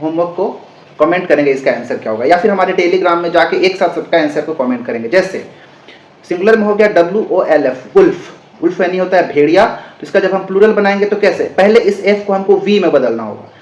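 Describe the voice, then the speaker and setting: Man, high voice, grammar teacher, spells words out letter by letter, repeats points, echoey room. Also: expressive, darkish tone, dull audio. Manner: explains slowly, spells words letter by letter, repeats and checks understanding. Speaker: exam-prep English grammar teacher. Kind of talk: classroom-style grammar lesson.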